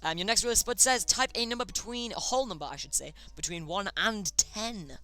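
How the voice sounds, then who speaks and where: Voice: mid-range voice, fairly quick, bright, forceful tone. A streamer casually hosting a chat game live, chatty and often tripping over words.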